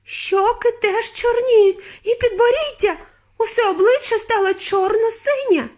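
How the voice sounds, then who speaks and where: A woman's voice: extremely high pitch, moderate pace, pitched above the performer's own voice. A woman voicing a panicked mother who screeches and wails in an audiobook reading. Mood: shrieking alarm. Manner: screeching, wailing, near tears. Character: shrieking panicked mother, middle-aged woman.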